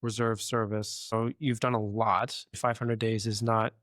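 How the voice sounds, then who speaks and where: A man hosting a conversational interview, speaking in a measured way and rephrasing his questions as he goes. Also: fairly low pitch, little pitch movement, fairly bright tone, no room sound, clean studio sound. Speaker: interviewer, host.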